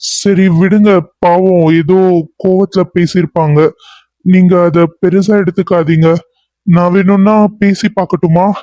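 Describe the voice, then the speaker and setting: Man playing a high, mellow cartoon assistant, deferential, dull lo-fi sound. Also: steady tone, measured pace, dry recording. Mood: concerned. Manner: soothing, deferential. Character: loyal, concerned male assistant. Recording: dull lo-fi recording.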